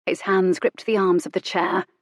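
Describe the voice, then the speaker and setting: A woman narrating a romance novel in an intimate, measured reading. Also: on the low side, steady tone, no room sound, studio quality. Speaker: audiobook narrator.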